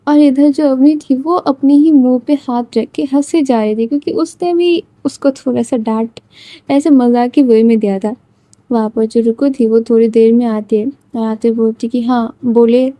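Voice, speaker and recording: A woman telling a love story in a chatty, casual way, her voice high and very mellow. It is recorded dry and close, with no room sound. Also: dry recording. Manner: chatty, descriptive.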